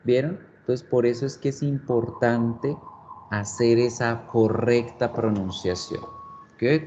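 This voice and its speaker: A man's voice: medium pitch, fairly even intonation, takes it slowly. A male English teacher giving an online class, explaining patiently and step by step. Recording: dull lo-fi sound, faint background noise.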